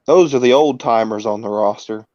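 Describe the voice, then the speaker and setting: A young man in his twenties chats casually as a podcast host and slips into animated storytelling. His voice sits at a middle pitch. The recording is dry and a little dull. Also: normal speed, dry recording. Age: 20s. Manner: storytelling, laughs through anecdotes. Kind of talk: casual chat.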